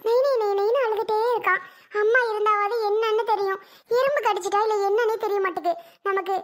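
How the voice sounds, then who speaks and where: A woman's voice: very high voice, steady tone, fast talker. A woman voicing a tired young mother in a cartoon, fretful and soothing toward her crying baby. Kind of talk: cartoon voice acting.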